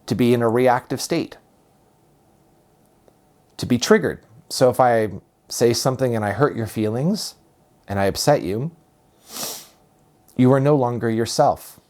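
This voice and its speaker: Speaking at an ordinary, mid-range pitch, a man reflects calmly on spiritual ideas, going a little slowly and pausing often. Like a teacher guiding his listeners, he returns to phrases for emphasis.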